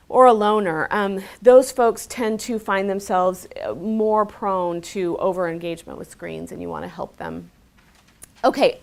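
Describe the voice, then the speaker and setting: A woman delivers an informal lecture in a medium-pitched voice. She explains things conversationally, as if talking directly to her listeners, and leans on key points with emphasis. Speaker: speaker on mental health and digital habits.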